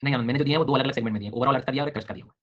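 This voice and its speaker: A male teacher with a mid-range voice runs an online geography class, talking very fast and calling on students by name. Brisk and quizzing, his voice comes through as he explains and questions them, though the recording sounds dull and lo-fi.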